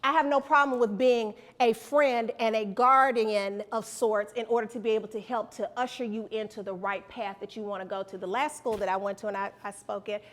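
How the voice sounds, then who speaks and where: Guest speaker: high-pitched middle-aged woman, motivational and repetitive, preacherly. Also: fairly quick, few pauses. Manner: animated, preacherly, repeats lines for emphasis. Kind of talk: motivational speech to students.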